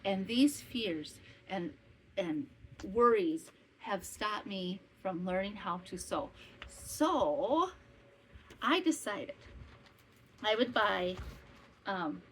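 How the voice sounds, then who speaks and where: A woman's voice: medium pitch, lively intonation, drawn-out words, pauses often, rough recording. Chatty woman in her fifties, faint fan hum. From northwestern Wisconsin, US Midwest. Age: 50s. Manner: chatty, rambling with asides and self-corrections. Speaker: podcast host and maker. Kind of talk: casual chat podcast. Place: home in summer heat with a fan running.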